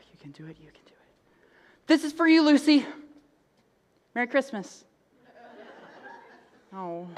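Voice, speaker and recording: A woman playing a gloomy, hapless young boy in a stage musical, anxious and self-doubting, talking to himself, caught live on a theater stage with instruments playing. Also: deep voice. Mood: nervous. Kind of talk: stage musical acting and singing.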